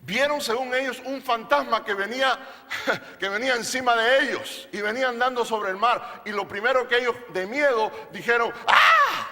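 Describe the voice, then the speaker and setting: A man's voice: extremely high pitch, normal speed, pushed and bright, long reverb tail. A male pastor preaching a sermon to a congregation, emphatic and playful, often asking them questions. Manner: playful, jokes with the audience. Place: church service.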